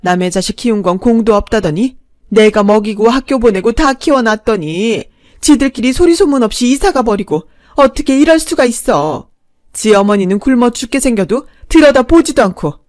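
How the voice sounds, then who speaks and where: A woman voicing a pushy, shameless older stepmother-in-law who nags and wails loudly. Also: on the high side, no room sound, clean studio sound, close to an everyday voice. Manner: loud, wailing, nagging.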